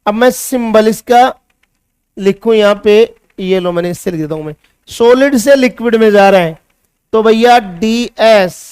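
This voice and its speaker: A man's voice: high-pitched, darkish tone, clear, resonant tone, no echo, studio quality. A male chemistry teacher with a Hindi accent, giving a classroom lecture that mixes English science terms into Hindi and asks his students questions before answering them himself.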